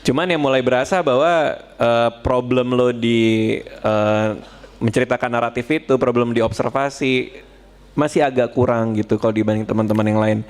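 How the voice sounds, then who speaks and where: Mid-pitched man judging, hesitant. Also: steady tone, normal speed. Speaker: comedy competition judge. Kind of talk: casual spoken critique.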